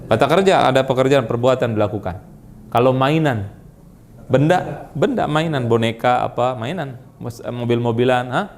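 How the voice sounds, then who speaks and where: An Indonesian-accented man teaching an Arabic grammar class, quizzing students with quick questions and repeating their answers. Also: mid-range voice, lively intonation, a little hiss or hum. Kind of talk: classroom lesson.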